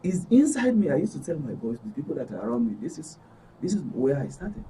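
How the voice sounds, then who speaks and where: Very animated and quick, this Nigerian-accented man speaks in a higher voice as a studio guest recounting his own experiences. He keeps restating things in new words to stress them, and a distant, dull mic catches faint background noise.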